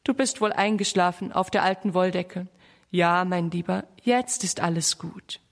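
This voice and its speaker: A woman's voice: lowish voice, moderate pace, big-room sound, natural voice. A woman voicing a loving aunt who soothes a small child. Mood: relieved. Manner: fond, soothing.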